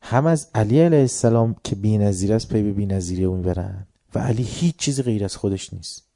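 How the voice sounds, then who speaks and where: A man preaching a religious sermon with passion, often swelling loud and then dropping low. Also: vocal fry, no echo, clean studio sound.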